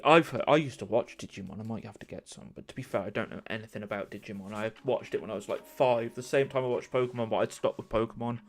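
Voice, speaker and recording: A man's voice: fairly low pitch, quick pace, hardly any pauses. A man hosting a casual podcast, chatty and rambling, often restarting his sentences. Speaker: podcast host.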